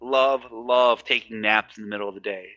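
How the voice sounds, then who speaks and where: A man's voice: on the low side, steady tone, normal speed, pushed and bright, lo-fi sound. A young man hosting a casual podcast, telling profanity-laced stories and mimicking other people in a raised voice. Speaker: podcast host. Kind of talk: casual chat.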